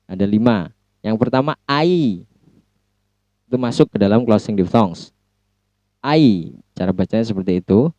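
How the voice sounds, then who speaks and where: A man with an Indonesian accent lecturing on phonology, repeating each sound slowly for practice. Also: medium pitch, dark tone, no echo, highs cut off. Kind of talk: slow recorded lecture explaining sounds.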